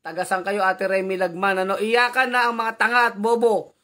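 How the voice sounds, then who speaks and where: A man's voice: high-pitched, little pitch movement, brisk, pushed and bright. Chuckling man hosting a live vlog. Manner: chatty, chuckling, teasing asides; frequent tag questions. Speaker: vlog host reading viewer comments. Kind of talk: casual live political commentary.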